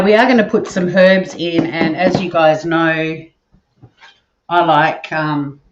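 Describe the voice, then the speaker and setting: A low-voiced, nasal Australian woman cooks in her home kitchen and chats casually with viewers on her stream. The background is noisy, and the dull audio picks up kitchen clatter.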